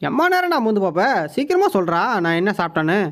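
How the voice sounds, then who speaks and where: A woman voicing a gruff, bossy grown pet that scolds the others in a quick, commanding way. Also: medium pitch, big pitch swings, voice pushed down, close to an everyday voice.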